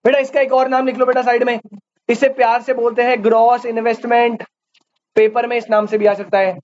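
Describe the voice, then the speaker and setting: A man's very high voice, fairly quick and level in tone, carries a live commerce lesson. He keeps testing the students with questions and repeats the important terms to them. Expect dull, lo-fi audio and a faint hiss.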